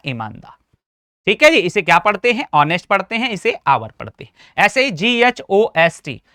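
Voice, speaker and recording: A man teaches a classroom lesson, firing questions and then answering them himself. He spells words out slowly, letter by letter. His voice is bright and smooth, recorded dry and close. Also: sits high, no echo. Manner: quizzing, asks and answers his own questions. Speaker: spoken English teacher.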